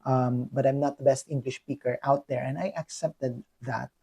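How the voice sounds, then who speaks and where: In an earnest personal reflection vlog, a young adult vlogger from the Philippines, speaking with a Filipino accent, keeps stumbling over fillers and restarts. He talks at normal speed with fairly even intonation, and his medium-pitched voice is warm, breathy at the edges and touched with vocal fry.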